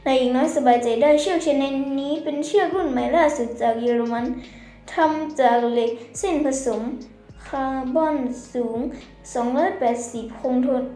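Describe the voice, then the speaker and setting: A woman's voice: high-pitched, moderate pace, dark tone, lightly acted. A woman voicing a loyal, deferential young male bodyguard in a manga dub. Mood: earnest. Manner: polite, deferential. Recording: echoey room, faint music.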